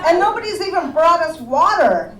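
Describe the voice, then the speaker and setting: A woman voicing a bullying male tomcat who loudly complains about poor service. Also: very high-pitched, very animated, moderate pace, echoey room, recorded from a distance, a faint crowd, slight background noise, voice pushed up, exaggerated voice. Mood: indignant. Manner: brash, loud complaining.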